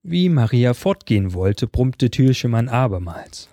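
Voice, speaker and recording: Man calmly reading a fairy tale. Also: medium pitch, unhurried, no room sound, clean studio sound. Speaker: storyteller.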